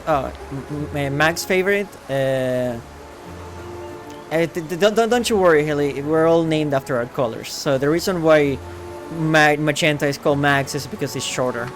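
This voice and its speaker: A man's voice: fairly high pitch, moderate pace. A man streaming a game, chatting casually in a hesitant way with frequent stammers. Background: game music.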